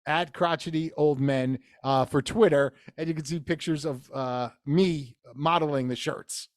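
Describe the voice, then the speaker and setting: A man co-hosting a casual podcast, his voice sitting a bit high for a man. He rambles, loses his words and pokes fun at himself. The sound is close and dry, with no room around it. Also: fairly even intonation, measured pace, no echo. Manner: self-deprecating, jokey, rambling. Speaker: podcast co-host.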